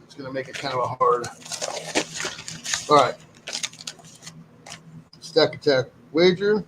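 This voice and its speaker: This silver auction live stream host has a mid-range voice and talks slowly over a noisy background. His manner is casual and rambling as he says hello to viewers and moves through the items.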